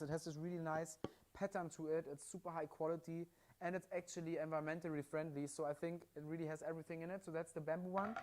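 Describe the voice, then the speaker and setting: Speaking through a mic worn at his side, a cheerful man with a German accent guides livestream viewers through a product step by step, tossing in small "yeah?" check-ins. He has a high-pitched voice, with slight background noise behind it.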